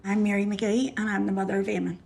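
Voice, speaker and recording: A middle-aged woman with a Northern Irish accent, a grieving mother speaking haltingly in a documentary interview. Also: medium pitch, little pitch movement, vocal fry. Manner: grieving, halting, repeats herself. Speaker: mother of a murder victim. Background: music.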